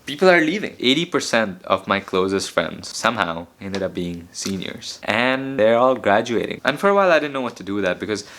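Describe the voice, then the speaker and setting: A man's voice: on the low side, sing-song, brisk, few pauses, fairly bright tone. A young man narrating a personal vlog in a candid, reflective, casual way. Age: young adult. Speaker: vlogger.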